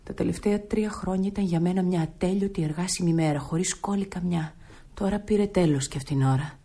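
An actress playing Christina, a weary widow worn down by years of hard work, in a radio play, speaking in a tired, earnest, measured way. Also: female voice, on the low side, mellow.

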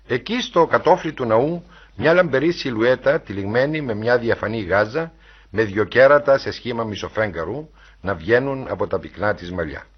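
A man reads a novel aloud with expressive storytelling. His husky voice moves widely in pitch, and the recording sounds dull and lo-fi. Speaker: audiobook reader. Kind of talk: dramatic reading of a novel.

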